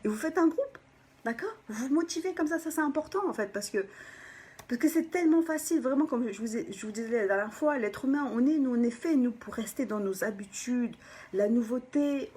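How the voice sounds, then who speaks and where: Husky-voiced woman coaching with animated emphasis. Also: a little high, brisk. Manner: animated, keeps checking in with the listener. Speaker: personal development coach. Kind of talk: motivational coaching talk to viewers.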